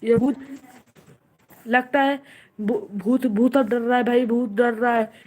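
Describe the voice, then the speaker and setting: A woman narrating casually and excitedly, repeating urgent warnings over and over. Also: on the high side, slow. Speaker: vlogger narrating. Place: outdoor home courtyard at night.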